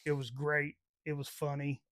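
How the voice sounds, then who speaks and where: A man's voice: a little high, flat delivery, moderate pace, a bit bright, no room sound, clean studio sound. Easygoing man giving a casual movie verdict. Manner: easygoing, casual grammar, agreeable. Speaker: podcast co-host. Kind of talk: casual movie review chat.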